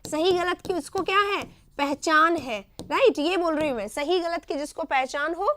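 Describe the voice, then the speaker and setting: A woman's voice: very high voice, normal speed, a bit bright, a little hiss or hum. A woman with an Indian accent teaching English vocabulary in a live online class, explaining each word in short repeated phrases and often checking with "right?".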